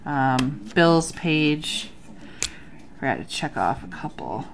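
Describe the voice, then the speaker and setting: Her voice is low and creaky, swinging widely in pitch at a slow pace, and nasal from a sinus infection. This bullet journal vlogger in her thirties chats casually through her journal at a home desk beneath an overhead light, using many ums, with slight background noise.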